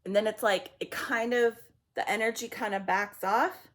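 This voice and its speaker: A woman giving a casual psychic reading, halting and repetitive with many fillers and restarts, sometimes sinking to a near-whisper. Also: medium pitch, steady tone, fairly bright tone. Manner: swearing, acts out heated quotes. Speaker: psychic reader.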